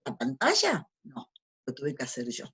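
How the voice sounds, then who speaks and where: A woman's voice: a bass voice, huge pitch swings, normal speed, fairly bright tone, slightly rough. A woman gives a lecture with slides as a spiritual teacher. She teaches didactically, asks rhetorical questions and answers them herself, and often adds tag questions.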